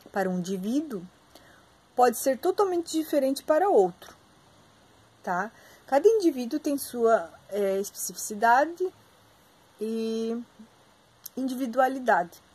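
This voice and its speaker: A young adult woman with a Brazilian Portuguese accent reads from a textbook while teaching an online class, speaking directly to her students. Her voice is hoarse and husky, on the high side and a little mellow, and she often clears her throat and fills her speech with hesitations.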